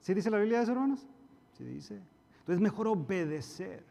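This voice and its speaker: A male pastor preaching a sermon, emphatic, acting out quarrels in a raised voice and dropping to soft asides. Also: high-pitched, expressive, moderate pace, vocal fry. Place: church hall. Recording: reverberant church hall.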